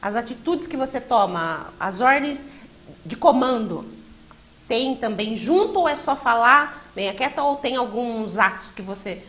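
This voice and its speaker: A woman's voice: on the high side, lively intonation, measured pace, fairly bright tone. A woman with a Brazilian accent hosting an interview. She asks questions and often tags her sentences with "né?". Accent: Brazilian Portuguese. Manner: affirming, frequent tag "né?". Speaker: interviewer host. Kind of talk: interview with affirming comments.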